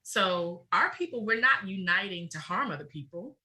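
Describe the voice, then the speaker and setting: A woman's voice: medium pitch, lively intonation, bright, forceful tone, poor audio. A middle-aged woman speaking passionately and emphatically as a guest in a podcast interview. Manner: passionate, emphatic, fast-flowing. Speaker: guest, researcher.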